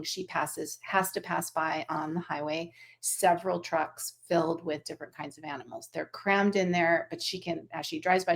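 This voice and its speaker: A woman teaching animal Reiki to students over a video call, talking gently and rambling with fillers and restarts. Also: lowish voice, vocal fry.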